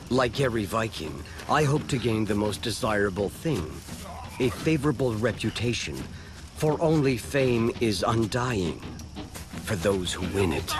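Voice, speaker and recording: An actor playing a proud adult Viking farmer and explorer, telling his story in a solemn, measured first-person voice over background music. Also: on the low side. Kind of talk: scripted documentary dramatization.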